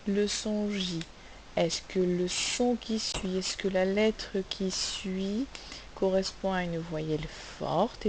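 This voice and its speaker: A woman teaching a phonics lesson, sounding out letters and syllables slowly and asking the class questions. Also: fairly low pitch, a little mellow, poor audio. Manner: slow, carefully spelled-out sounds, asks questions. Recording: faint hiss.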